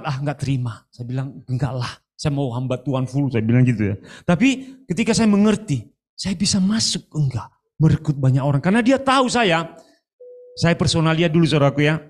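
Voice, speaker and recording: A man preaching a sermon in animated style, often calling out to the congregation. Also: a little high. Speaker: pastor. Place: church service streamed live.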